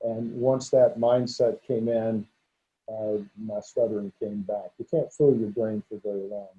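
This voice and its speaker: Unhurried and steady, a man in his sixties, a veterinarian, speaks in a lowish, mellow voice as an interview guest. He talks openly while stuttering with repetitions and restarts, and the recording is dull and lo-fi.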